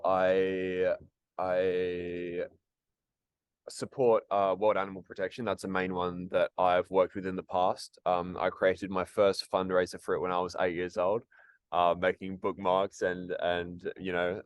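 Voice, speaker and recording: Here the same actor-musician guest sounds low, level, unhurried and smooth, with no echo. Fielding questions about acting and music, he stays casual and hesitant, frequently saying um and starting over.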